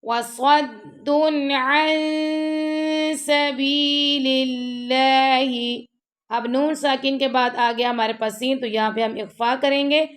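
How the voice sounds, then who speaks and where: A woman teaching Quran recitation step by step, reciting verses slowly and drawn out, then briskly explaining the rules. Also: on the high side, steady tone. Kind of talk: step-by-step tajweed lesson.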